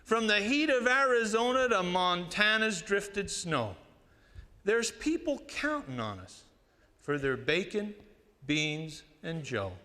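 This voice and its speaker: Animated cowboy poet, man with Western twang. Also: high-pitched. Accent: American West cowboy twang. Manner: folksy old-time cowboy drawl with dramatic pauses. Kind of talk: cowboy poetry recitation to an audience. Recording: reverberant hall.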